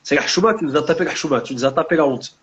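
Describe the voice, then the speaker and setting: A young man speaks casually in a discussion in a slightly high, rapid-fire voice with a fairly bright tone and cut-off highs. He is a guest and book author from France, of Maghrebi family, with a French Maghrebi urban accent. He mixes street slang with Arabic religious terms.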